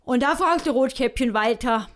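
Woman telling a rude comic fairy tale like an old sea yarn, hearty and rambling, bit high voice. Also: normal speed. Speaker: storyteller.

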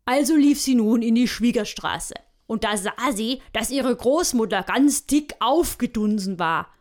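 A woman telling a cheeky, bawdy version of a fairy tale in the manner of an old sailor's yarn. Her voice sits a little high, and she rambles along heartily, with asides to her listeners. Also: lively intonation, measured pace. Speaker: storyteller.

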